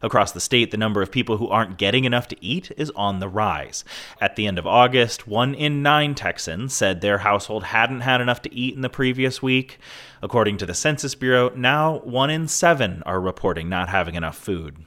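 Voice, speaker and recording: A man reporting a scripted radio news story in a steady, clear voice. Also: on the low side, brisk.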